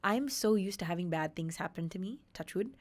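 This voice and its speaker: Speaking briskly in a lowish voice, this thirty-something Australian woman is a podcast guest recounting her own story. She's candid, and her retellings come out animated and emphatic.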